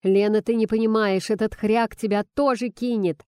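A woman's voice: on the high side, fairly even intonation, normal speed, darkish tone, clear, resonant tone, no room sound, studio quality, natural voice. A woman voicing a manipulative male crook urging a young woman to trust him. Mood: urgent persuading.

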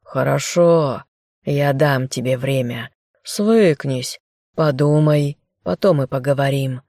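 A woman's voice: a bass voice, takes it slowly, dark tone, no echo, clean studio sound, exaggerated voice. A woman voicing a smug, scheming young man who coaxes and taunts the girl he captured. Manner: smirking, coaxing.

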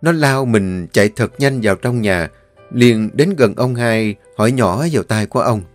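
A man narrating a story in a steady, vivid manner. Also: mid-range voice, moderate pace. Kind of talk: scripted audiobook narration. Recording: dry voice with faint music.

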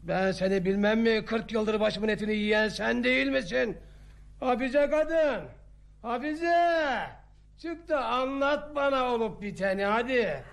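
An actor playing Emin Efendi, a blustering older village father who scolds his wife and shouts at the crowd. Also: high voice. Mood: scolding. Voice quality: gravelly. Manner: gruff, scolding, slow and blustering. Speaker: village elder in a period drama.

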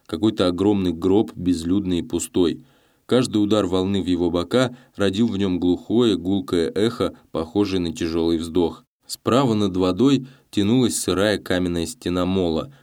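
Man, audiobook narrator, very low voice, measured, dramatic. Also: a little mellow. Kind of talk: scripted narration.

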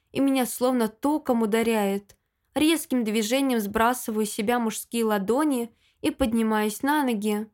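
A woman with a fairly high voice reads first-person audiobook narration. Her delivery is emotional and dramatic, leaning into every line. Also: a little mellow.

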